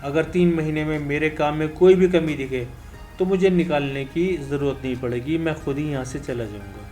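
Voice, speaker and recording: A man's voice: fairly high pitch, normal speed, a little mellow, soft background music, natural voice. A man voicing a devout, God-fearing male mosque imam who speaks in an earnest, pleading way.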